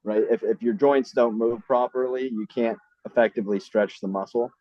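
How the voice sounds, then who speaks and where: A mobility trainer gives loose, conversational interview answers explaining things, peppered with "I mean" and "right?". His medium-pitched voice keeps a fairly even intonation at a moderate pace. The lo-fi audio sounds dull, with a little hiss or hum.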